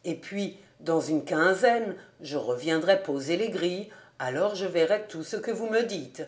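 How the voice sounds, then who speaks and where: A woman reading aloud who voices a kind, cheerful young gentleman in a lowered voice. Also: lively intonation, unhurried, roomy sound. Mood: regretful.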